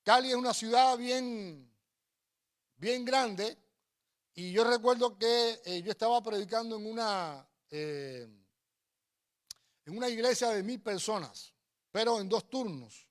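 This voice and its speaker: He speaks slowly in a high-pitched voice, leaving long pauses. The man, from Cuba, is preaching a sermon woven with personal stories, exhorting emphatically and repeating phrases.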